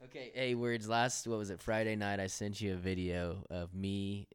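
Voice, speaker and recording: A man with a smooth, resonant voice talks golf with a friend. His tone is loose, profane and full of laughter. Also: fairly low pitch, flat delivery, normal speed. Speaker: podcast co-host. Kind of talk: casual golf chat.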